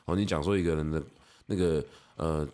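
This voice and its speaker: A man in his thirties with a Taiwanese Mandarin accent, hosting a podcast and patiently explaining pronunciation, slowly demonstrating sounds. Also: rumbling low, steady tone, dark tone. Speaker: podcast host. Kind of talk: casual explanatory monologue.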